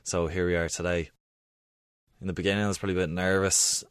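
Low-voiced, quick-talking Irish podcast host, male. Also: little pitch movement, clean tone, no room sound, studio quality. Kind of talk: podcast introduction and interview.

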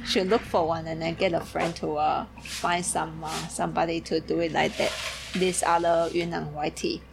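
A woman hosting a casual podcast chat, haltingly searching for her words. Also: low voice. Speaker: podcast host and tea shop keeper. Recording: clear steady background noise.

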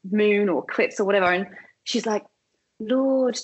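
A woman's voice: mid-range voice, little pitch movement, fairly quick. A woman in a casual conversation about a film, chatty and asking questions.

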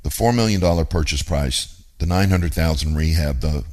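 A man's voice: extremely low pitch, moderate pace, darkish tone. A man hosting a radio show, giving a blunt, emphatic teaching monologue on real estate investing and repeating his key points.

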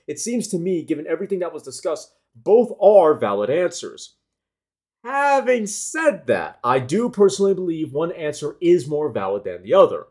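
Animated man reading his own essay. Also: fairly high pitch. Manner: analytical, with small self-corrections. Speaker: car enthusiast essayist.

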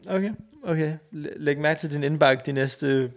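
Gravelly Danish guy telling stories. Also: a little high. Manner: acts out voices in his stories, swears freely. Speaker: podcast co-host. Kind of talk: casual chat, animated storytelling.

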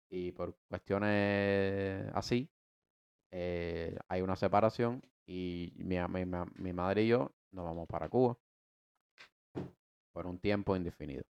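This podcast co-host, a US man in his twenties with a Cuban Spanish accent, has a low-sitting, clean voice, though the highs are cut off. Slangy and relaxed, he rambles through his life story, often restarting and tossing in asides.

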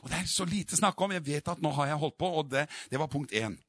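A man's voice: on the high side, expressive, fairly bright tone, slightly rough. A man preaching a sermon in a fervent, emphatic way.

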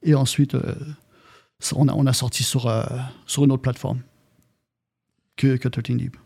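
A man's voice: medium pitch, normal speed, gravelly, husky. A man with a French accent, a rapper guest telling stories in a casual podcast chat, with many fillers and repeats. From France. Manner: animated storytelling, lots of fillers and repeats.

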